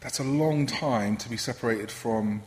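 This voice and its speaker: A man's voice: medium pitch, unhurried, in a large hall, slight background noise. A man leading a church service, introducing and interviewing a guest in a conversational way. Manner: conversational, some fillers. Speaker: church leader hosting the service.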